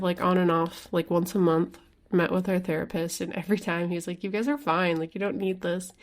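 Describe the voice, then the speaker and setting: Woman, solo podcast host, casual and candid, lots of "like", slightly low voice. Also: a little mellow. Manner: chatty, frequent "like" fillers, candid with mild swearing. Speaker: podcast host and life coach.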